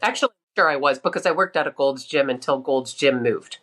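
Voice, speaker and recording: A woman's voice: a bass voice, a little fast, a bit bright. A woman in her fifties, a podcast guest, telling her story in a candid, easygoing way. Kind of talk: casual interview chat.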